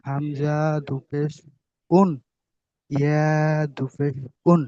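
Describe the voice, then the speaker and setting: A man reading aloud as a student in an online class, spelling out syllables haltingly. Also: fairly high pitch, steady tone, warm tone, dry recording, lo-fi sound. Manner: slow, halting syllable-by-syllable reciting.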